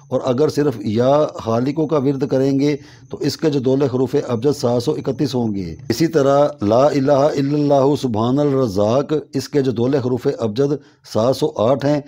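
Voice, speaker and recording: Man reading instructions in a measured, steady voice. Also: medium pitch. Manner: steady, measured reading of long number lists. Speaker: teacher of devotional recitation methods. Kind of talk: read-aloud instructional narration.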